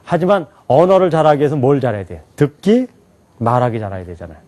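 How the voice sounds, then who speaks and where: A man teaching a class in a lively lecture style, often asking the students questions and laughing along. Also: medium pitch, fast. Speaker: English teacher at an alternative school.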